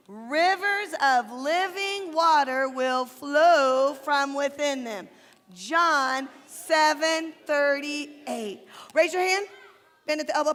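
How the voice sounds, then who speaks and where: Woman children's ministry leader, high bright register, warm teacherly encouragement, in a long-echo church hall. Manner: encouraging, teacherly, slow deliberate recitation. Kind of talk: leading children in a memory verse with motions. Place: church sanctuary stage.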